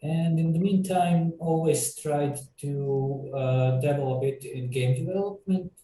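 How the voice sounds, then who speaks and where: A man's voice: a little high, a little slow, dark tone, echoey room, recorded from a distance, a little hiss or hum, rough recording. A man from Croatia, a game developer, talking casually in an interview with many fillers and restarts.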